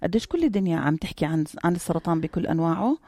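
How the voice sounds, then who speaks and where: A woman's voice: on the low side, expressive, rapid-fire, mellow, no room sound, clean studio sound. A middle-aged woman, an interview guest earnestly and emphatically telling her personal story. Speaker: interview guest, cancer survivor.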